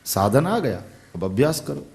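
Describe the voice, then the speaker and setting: A man's voice: medium pitch, sing-song, measured pace, darkish tone. A middle-aged male preacher giving a devotional sermon in a conversational way, often turning to the listeners with questions. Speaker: spiritual preacher.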